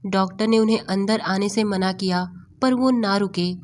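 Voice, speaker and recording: A woman storyteller narrating a scripted story in a calm, measured reading voice. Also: mid-range voice, a little hiss or hum.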